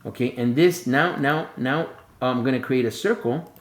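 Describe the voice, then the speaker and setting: A man's voice: medium pitch, moderate pace, roomy sound. A man teaching a screen-recorded math tutorial, thinking aloud step by step and correcting himself as he goes.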